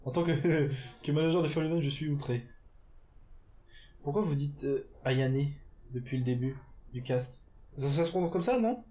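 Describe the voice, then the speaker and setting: The caster is a man with a slightly high, mellow voice calling a live esports match. Loose and talkative, he fills pauses with fillers and catches his own mistakes as he goes.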